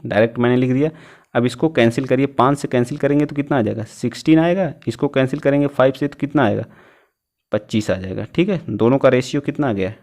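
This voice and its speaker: A male math teacher giving an exam-prep lesson, who keeps asking the class questions and answering them himself, reading numbers out slowly as he works. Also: medium pitch, a little mellow. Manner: reads out numbers slowly while working them out.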